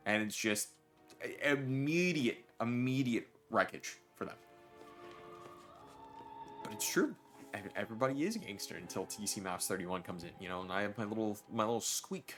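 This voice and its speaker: Streaming a game, a man jokes and chats casually with his viewers, talking straight to the chat. His voice sits on the low side and is a bit bright.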